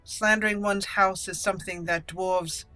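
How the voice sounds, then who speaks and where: Here a gaming video host roleplays a character aloud, theatrically voicing game dialogue over the game's music. Her medium-pitched voice stays steady and sharp at a normal speed, with no audible room sound.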